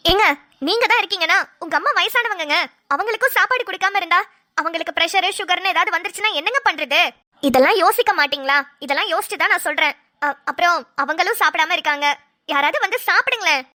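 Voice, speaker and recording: A woman's voice: very high voice, animated, fast talker, pushed and bright, no room sound, studio quality, full character voice. A woman voicing a practical sister-in-law in a cartoon who nags and scolds in exasperation. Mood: exasperated. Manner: nagging, exasperated. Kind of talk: cartoon voice acting.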